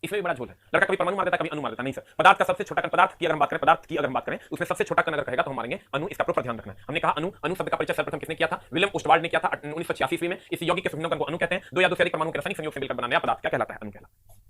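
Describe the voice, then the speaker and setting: A man with a high, bright voice races through a live online chemistry class. He drills each definition again and again and counts atoms aloud at a brisk, forceful clip. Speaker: teacher.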